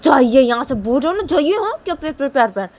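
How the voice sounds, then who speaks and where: A woman's voice: medium pitch, fairly even intonation, fairly quick, warm tone, slightly rough. Woman doing an angry sulking young man. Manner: sullen, snapping, repetitive.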